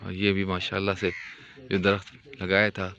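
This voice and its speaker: Calm deep-voiced man walking outdoors. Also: normal speed, muffled recording, a little hiss or hum. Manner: calm, devout, descriptive. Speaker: vlogger walking and filming. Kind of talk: casual walking commentary. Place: outdoors on a foggy rural dirt track.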